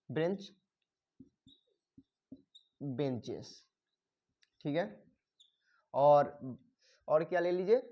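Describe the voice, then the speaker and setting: ऊँची आवाज़ वाले हिंदी शिक्षक. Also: male voice, sits high. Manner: repeats "ठीक है" often, dictates rules slowly. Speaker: English grammar teacher. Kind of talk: classroom-style grammar lesson.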